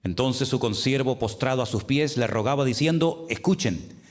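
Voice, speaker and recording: A male pastor with a Spain Spanish accent preaching a sermon, lively and direct, with frequent rhetorical questions to the congregation. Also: mid-range voice, normal speed.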